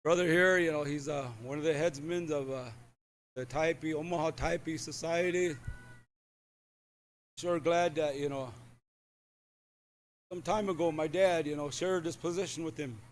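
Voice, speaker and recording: A middle-aged man giving a ceremonial thank-you speech and calling up honorees, halting and repetitive with frequent filler phrases. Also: a little high, fairly even intonation. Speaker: powwow speaker calling up honorees. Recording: noisy live event with ambient sound.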